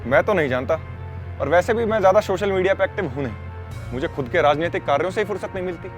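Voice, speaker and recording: An actor playing a politician who answers police questions defensively and evasively. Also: male voice, sits high, lively intonation, fast talker, muffled recording, soft background music.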